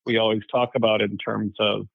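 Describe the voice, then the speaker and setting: A man co-hosting a podcast, speaking reflectively with halting restarts. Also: on the low side, flat delivery, creaky, slightly rough, no echo, narrow, tinny audio. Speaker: podcast co-host. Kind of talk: casual podcast chat.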